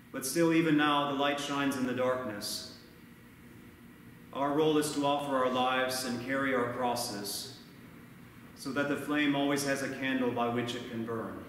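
A man in his thirties, a priest giving a measured, earnest sermon at a lectern, recorded from far off in a large church. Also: medium pitch, a bit bright, heavy reverb, long reverb tail, slight background noise. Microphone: far camera, no mic seen.

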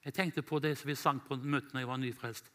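A man from Norway, an evangelist, telling a story in a church sermon, animated and quoting himself and others. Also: medium pitch. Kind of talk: sermon testimony.

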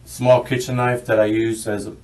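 A young American man giving a halting account in a police interview, with short answers. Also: medium pitch, level tone, a little mellow. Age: young adult. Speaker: suspect being questioned by police. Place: small bare interview room, indoors. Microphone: distant room camera. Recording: distant surveillance microphone in interview room.

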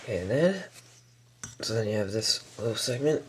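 A man giving casual step-by-step building instructions off camera, halting, with fillers and mild mutters. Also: lowish voice, lively intonation, a little hiss or hum. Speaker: toy building tutorial maker. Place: indoors at a table.

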